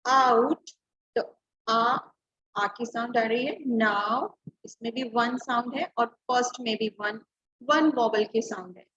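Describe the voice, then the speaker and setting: A woman's voice: on the high side, normal speed, a bit bright, lo-fi sound, a little hiss or hum. A woman teacher giving an online class, patiently spelling out words letter by letter. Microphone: computer or phone mic on a video call.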